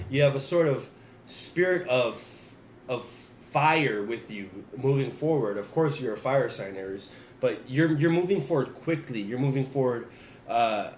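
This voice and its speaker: Getting over the flu, a man does an easygoing tarot reading aimed right at his viewers, with plenty of repeats and restarts. His voice is medium in pitch. The room is echoey, with a little hiss or hum.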